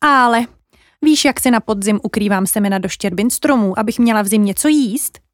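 A woman's voice: a little high, dry recording, studio quality, lightly acted. A woman voicing a small, worried female jay bird in a children's story, talking in a fretful way. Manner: fretful, hurried.

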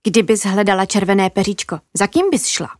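A woman voicing a sly, teasing female magpie in a children's story, talking in a knowing, playful, drawn-out way. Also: medium pitch, animated, no room sound, studio quality, natural voice.

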